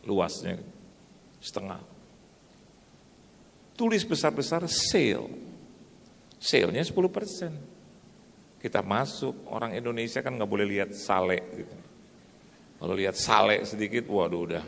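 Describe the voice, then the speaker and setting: A male pastor preaching a sermon, telling a story in a lively way and jumping up high in pitch to make his points. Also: gravelly, a little hiss or hum. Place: large church hall. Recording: long reverb of a church hall.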